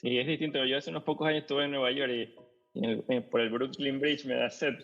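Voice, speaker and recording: A man with an Ecuadorian Spanish accent hosting a podcast, relaxed, asking questions and telling a short anecdote. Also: medium pitch, quick pace. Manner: short backchannel replies, relaxed. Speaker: podcast host. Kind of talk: casual chat. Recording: muffled lo-fi podcast audio, faint music.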